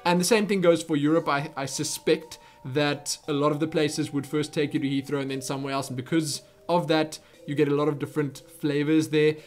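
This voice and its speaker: A chatty South African man with a fairly high voice hosts a casual YouTube Q&A for viewers, rambling and interrupting himself. He speaks South African English, and his first language is Afrikaans.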